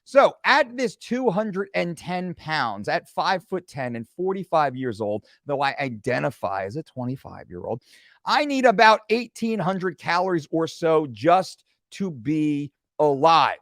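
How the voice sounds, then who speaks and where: A fitness coach in his forties runs a screen-share lesson, keeping it animated and tossing in joking asides. His fairly high voice swings widely in pitch at a measured pace. The recording is close and dry, without any room sound.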